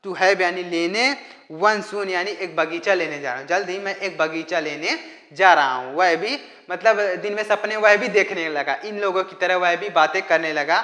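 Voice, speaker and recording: A man teaching an English lesson, explaining a story in Hindi and translating it phrase by phrase in a slow, deliberate way. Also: sits high, sharp tone, roomy sound, big-room sound.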